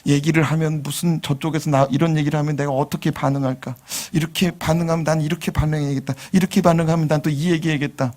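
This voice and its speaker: Male pastor, sermon, animated, questions to congregation, church, slightly high voice. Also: quick pace, few pauses. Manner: animated, asks the congregation questions, drops to whispers.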